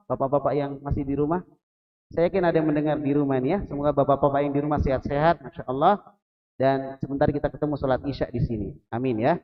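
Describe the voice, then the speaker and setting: A man from Indonesia giving a lively mosque sermon, putting questions to the congregation and joking with them. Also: on the high side, muffled recording. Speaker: preacher.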